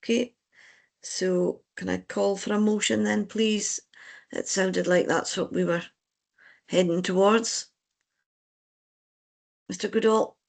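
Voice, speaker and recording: Convener with a gravelly voice. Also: medium pitch, steady tone. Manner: procedural, measured, polite. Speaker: licensing board convener. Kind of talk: formal meeting chairing.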